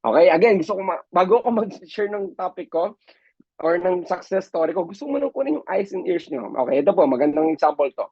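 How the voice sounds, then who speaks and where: A man from the Philippines, a business mentor giving a lively motivational seminar talk and often addressing his audience as ma'am and sir. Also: high voice, fairly quick, slightly rough, no echo. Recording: dull lo-fi, dry sound.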